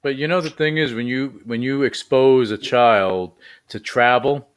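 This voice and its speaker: A man's voice: medium pitch, unhurried. A man hosting a radio talk show, interviewing a guest in a casual, rambling way with many repeated words.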